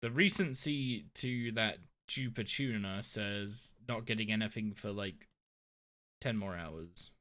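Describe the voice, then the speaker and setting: A man's voice: on the low side, takes it slowly, a bit bright. A tired, yawning young man chatting casually on a live game stream, rambling and thinking aloud as he plays. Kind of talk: casual live-stream chat while playing.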